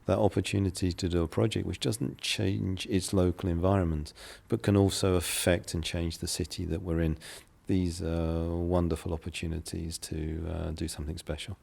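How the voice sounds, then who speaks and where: Speaking in a level tone, a middle-aged property developer from England responds to interview questions as a guest, calm and businesslike. The voice is very low and gravelly with a dark, mellow quality, broken by thoughtful pauses and the odd filler.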